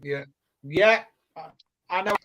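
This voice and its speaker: A man's voice: high voice, takes it slowly, a bit bright, slight background noise. A man on a livestream call whose audio keeps breaking up, confused and asking if he can be heard. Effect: choppy, breaking-up online call audio. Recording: distant cutting-out call line.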